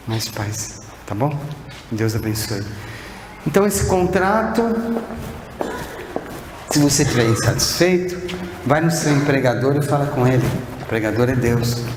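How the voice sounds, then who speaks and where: A Brazilian man giving a spiritist lecture, posing one rhetorical question after another and sometimes speaking softly to a single listener. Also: medium pitch, a little slow, pauses often. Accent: Brazilian Portuguese. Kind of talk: sermon-like lecture. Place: spiritist center hall. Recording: echoey hall with faint background noise.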